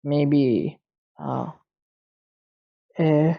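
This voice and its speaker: A man tutoring maths, working through an exam paper out loud in a casual way, muttering to himself and sounding tired late at night. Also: a little high, fairly even intonation, drawn-out words, creaky, lo-fi sound.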